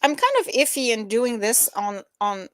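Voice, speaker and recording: A woman's voice: on the high side, moderate pace, no echo. A woman co-hosting a casual chat show, talking chattily and explaining each step of what she is doing. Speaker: co-host.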